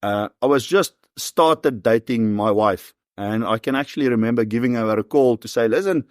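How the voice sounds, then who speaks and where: A slightly mellow, mid-range voice at a moderate pace belongs to this forty-something South African man, a former soldier and professional hunter. As an interview guest he tells stories in a relaxed, talkative way, recorded in studio quality with no room sound.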